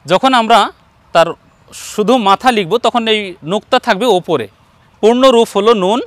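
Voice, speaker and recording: A man with a Bangladeshi Bengali accent teaches Arabic letter sounds in an online Quran lesson. His voice sits fairly high, and he draws each letter out slowly and patiently. The sound is dry and close, with no room echo. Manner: slow, patient, drawn-out letter demonstrations.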